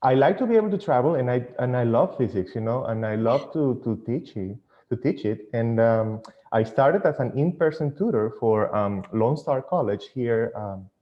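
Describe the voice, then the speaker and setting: Man, Venezuelan accent, mid-pitched voice, casual hesitant interview talk, dull lo-fi call audio. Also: expressive, moderate pace. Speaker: online physics tutor. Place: indoors, speaking over a video call.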